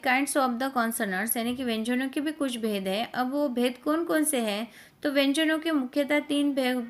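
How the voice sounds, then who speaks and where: A woman's voice: high-pitched, measured pace. A woman teacher, giving a grammar lesson and explaining step by step. She asks each point as a question, then answers it herself.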